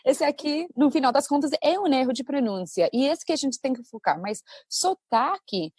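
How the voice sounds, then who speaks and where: Brief: woman, English speaker, podcast guest, bright higher voice, dry close sound, animated talker. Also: moderate pace, no echo. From United States. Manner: animated, thinks aloud with many asides. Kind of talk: casual podcast conversation.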